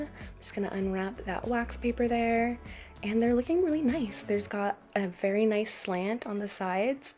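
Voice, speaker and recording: A woman with an American accent talks through a craft tutorial as a voice-over. Her tone is mellow and warm, and she explains each step in a calm, easy way. Soft music plays quietly behind her. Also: mid-range voice. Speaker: craft channel host.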